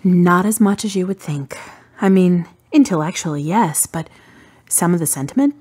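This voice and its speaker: A fairly low, darkish, animated female voice plays the daughter in a radio drama, a wry, stubborn, guarded character. The actress's husky delivery is dry and deliberate, and her mood is reflective.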